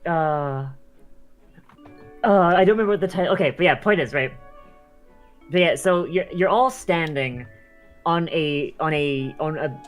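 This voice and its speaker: A game master improvising tabletop narration and chatting casually in an animated, rambling way. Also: medium pitch, a little slow, pauses often, faint music behind.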